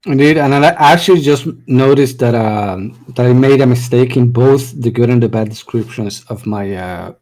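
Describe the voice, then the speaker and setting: A man's voice: medium pitch, moderate pace, few pauses, a little mellow, rough recording. Rambling man in a casual call. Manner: rambling, many fillers and restarts, self-correcting. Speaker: writing advice speaker. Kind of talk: casual conversational talk.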